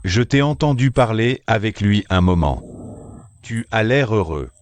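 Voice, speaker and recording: Dur à cuire lent et grave. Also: male voice, lowish voice, expressive, a little slow, no echo. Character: brooding tough male schoolboy, possessive. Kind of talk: French dub of a series.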